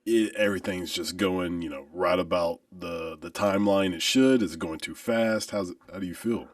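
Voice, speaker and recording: Podcast host guy, really deep voice, dry sound, sits a bit away from the mic. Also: moderate pace, dry recording, recorded from a distance. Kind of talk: casual interview.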